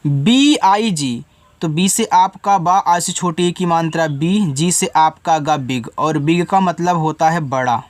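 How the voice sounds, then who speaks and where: A man teaching beginners English spelling, reading out words letter by letter, slowly and patiently. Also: a little high, dry recording. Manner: patient, coaxing teacher talk.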